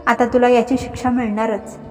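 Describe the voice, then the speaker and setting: A woman's voice: on the high side, flat delivery, brisk, warm tone, natural voice. Menacing vengeful husband, read by a woman. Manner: menacing, commanding. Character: fierce vengeful young husband, powerful man. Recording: reverberant, faint background music.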